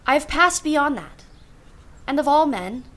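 In this radio play, a woman voices a genteel, wry aunt who professes to be unsentimental, musing archly and formally. Her voice sits high with a fairly bright tone, and she delivers her lines in an animated, unhurried way.

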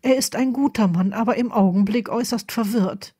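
A woman's voice: on the high side, brisk, warm tone, breathy edge. A woman voicing a stern but kind older headmistress who speaks formally and urgently.

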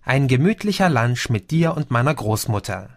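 A man's voice: mid-range voice, very animated, normal speed, dry recording, studio quality. A man voicing a cheerful young woman who teases her friend. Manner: upbeat, teasing.

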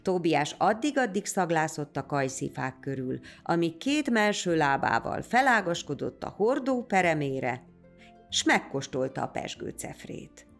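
Low-voiced woman telling a folk tale. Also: soft background music. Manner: lively, expressive storytelling. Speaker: narrator. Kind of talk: storybook folk tale narration.

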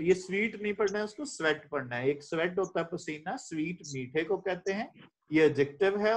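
A middle-aged man from Pakistan giving an English lecture in Urdu, quizzing students and translating line by line. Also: a little high. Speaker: English teacher.

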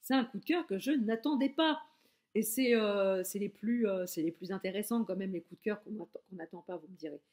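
A woman's voice: mid-range voice, brisk, a little mellow. A woman from France giving a casual, enthusiastic book review straight to her viewers.

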